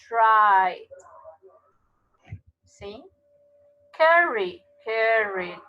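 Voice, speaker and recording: Slow, bright-voiced woman teaching English. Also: on the high side, poor audio. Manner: slow, patient explaining, repeats words to model pronunciation. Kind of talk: online class lecture. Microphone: computer mic on a web conference.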